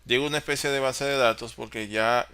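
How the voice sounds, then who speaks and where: A man teaching an online class on office software, explaining step by step and answering his own questions. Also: mid-range voice, fairly even intonation, a little fast, smooth. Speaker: course facilitator.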